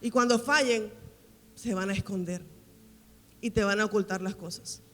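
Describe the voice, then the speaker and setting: Female pastor preaching with emphatic repetition; tense, bright delivery in an echoing church hall. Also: mid-range voice, normal speed. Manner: emphatic, repeats key phrases for weight. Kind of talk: sermon at a women's conference. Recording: reverberant hall with faint music.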